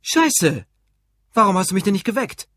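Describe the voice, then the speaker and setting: A bellowing, hot-tempered husband yelling at his family in an audiobook, as a man puts him on, pitched up well above a normal speaking voice. The voice is husky and dry, with no room sound. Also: very animated, moderate pace, no echo. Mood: furious. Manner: loud and blustering. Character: irritable grown man, shouting at family.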